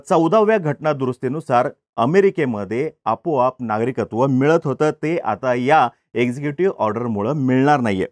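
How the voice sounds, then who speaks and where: Guy explaining news, steady, says uh now and then, mid pitch, dry close mic. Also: no room sound. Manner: steady explanatory delivery with occasional hesitation fillers.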